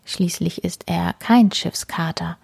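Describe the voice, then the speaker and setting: A woman reading a children's story aloud in a soft, often half-whispered narrating voice. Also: lowish voice, takes it slowly, vocal fry, husky.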